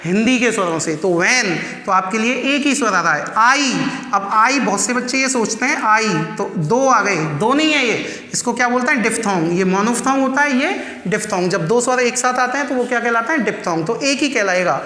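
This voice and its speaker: A man teaching an exam-prep class, his voice bright and forceful. He keeps firing rhetorical questions at his students and answers them himself, counting things out slowly and with emphasis. The sound rings around a reverberant room. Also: very high voice, animated. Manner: slow, emphatic counting and spelling out terms.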